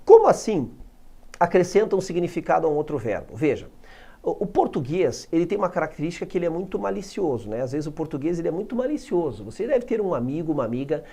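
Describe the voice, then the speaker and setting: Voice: medium pitch, very animated, quick pace, warm tone, breathy edge. A teacher with a Brazilian accent giving a recorded grammar lesson, joking and asking rhetorical questions. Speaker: English teacher.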